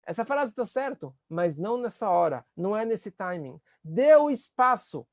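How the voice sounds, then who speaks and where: Earnest rabbi giving a lesson. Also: male voice, sing-song, moderate pace, no echo, clean studio sound. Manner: earnest teacher who acts out quoted voices with jumps in pitch. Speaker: rabbi teaching a class. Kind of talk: spoken lesson on empathy.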